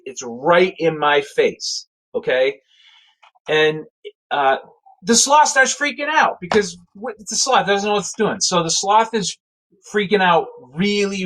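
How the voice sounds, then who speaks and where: A man telling a casual spoken anecdote in a rambling, animated way, full of fillers and restarts. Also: a little high, low-quality recording. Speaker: storyteller.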